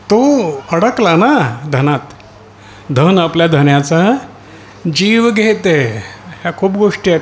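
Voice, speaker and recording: Guy pastor preaching in a church hall, fairly high voice, keeps asking the crowd questions and shouting hallelujah. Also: slight background noise. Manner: preaching with rhetorical questions to the congregation and calls of hallelujah. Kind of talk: sermon.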